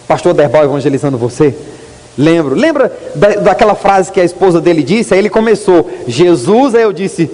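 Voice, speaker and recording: A male pastor preaching an earnest sermon in a church, stressing words slowly. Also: a little high, mellow. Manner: earnest preaching, rising emphasis and slow drawn-out stresses. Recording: long hall reverb.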